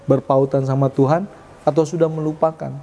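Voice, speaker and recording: A man telling his testimony in a lively, animated chat, acting out quoted voices. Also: brisk. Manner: lively, acts out quoted voices with raised pitch. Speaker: guest sharing testimony.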